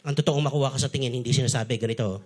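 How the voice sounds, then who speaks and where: A man's voice: mid-range voice, rapid-fire. A man with a Filipino accent preaching a sermon, mixing Tagalog and English and acting out the quotes he tells. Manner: animated storyteller, switching between Tagalog and English, acting out quotes. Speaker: pastor.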